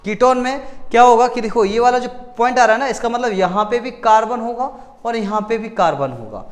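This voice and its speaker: Speaking fairly quickly in a very high voice, a man leads a casual chemistry class. He tends to ask a question and then answer it, repeats key words, and corrects his own slips frequently.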